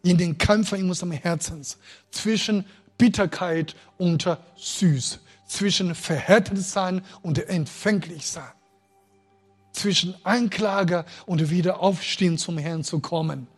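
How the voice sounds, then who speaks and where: Husky-voiced man preaching a sermon. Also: high voice, measured pace, soft background music. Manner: emotional, swings between loud and quiet; makes grammar slips and restarts.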